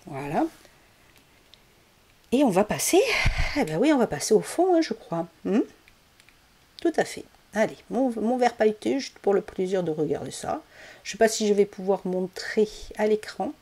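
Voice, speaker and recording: A woman's voice: mid-range voice, lively intonation, moderate pace, pauses often, warm tone, husky. Female craft tutorial host, casual and chatty, hesitant with frequent fillers, close desk-mic sound. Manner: chatty, hesitant, many fillers and self-corrections. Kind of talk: casual step-by-step craft demonstration.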